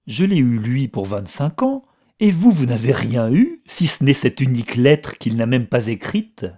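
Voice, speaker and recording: A man voicing a bitter, jealous middle-aged woman in an audiobook reading, with a sharp, mocking manner that flares into outbursts. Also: fairly low pitch, unhurried.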